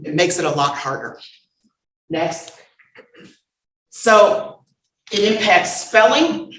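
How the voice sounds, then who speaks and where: A woman giving a conference lecture, lively and humorous, bantering with the audience and calling for the next slide. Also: fairly low pitch, takes it slowly. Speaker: conference speaker. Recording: roomy hall sound.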